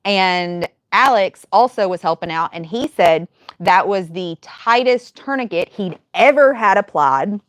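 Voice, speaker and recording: A woman in her thirties hosting a casual livestream Q&A, chatty and quick to laugh, with many fillers and restarts. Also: medium pitch, expressive, dry recording. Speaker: livestream host and firearms medical instructor.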